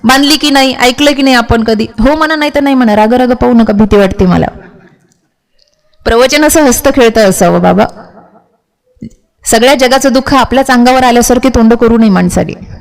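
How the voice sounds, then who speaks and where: A woman's voice: on the high side, fairly quick, low-quality recording. A woman kirtan preacher delivering a devotional sermon, telling stories and putting questions straight to her listeners. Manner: questions the audience directly, storytelling.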